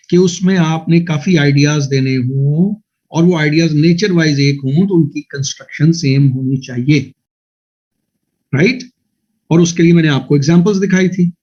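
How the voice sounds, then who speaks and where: A man's voice: a little high, a little mellow, lo-fi sound. A man giving an exam-prep grammar lecture, scolding and emphatic, slipping English phrases into his teaching.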